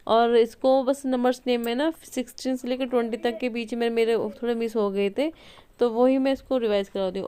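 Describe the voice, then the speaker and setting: A woman's voice: mid-range voice, darkish tone, smooth. A young woman chatting casually in a home vlog at night, rambling with fillers and self-corrections as she talks about her children. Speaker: vlogger and mother.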